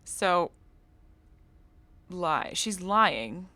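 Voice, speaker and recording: A woman casually commenting on a game she is playing, thinking out loud and laughing easily. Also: fairly low pitch, sing-song, drawn-out words, no echo. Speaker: video game streamer. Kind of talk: casual let's-play commentary.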